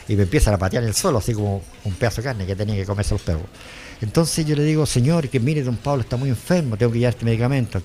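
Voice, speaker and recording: A rapid-fire older man with a Chilean accent recounts his past in a rambling interview. He talks fast, loops back on himself, and acts out what others said to him in an even, mid-pitched voice. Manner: rambling, repeats "le dije yo", quotes others. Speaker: interviewee, former driver. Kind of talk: emotional personal testimony.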